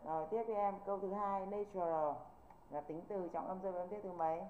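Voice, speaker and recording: A woman's voice: medium pitch, steady tone, fairly quick, a little hiss or hum. A woman English teacher, patiently walking students through an online exam review and often checking that they follow. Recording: tinny phone-like online call audio.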